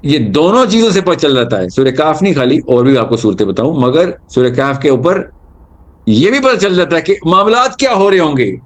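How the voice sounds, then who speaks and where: A man giving an animated religious talk, telling stories and mixing in English terms. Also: fairly high pitch. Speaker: Islamic speaker.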